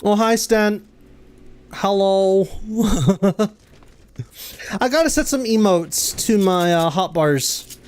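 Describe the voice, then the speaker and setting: A man's voice: high-pitched, slow, long pauses, clear, resonant tone, no room sound. A man streaming a game, reading its dialogue aloud, tripping over fantasy names and laughing often.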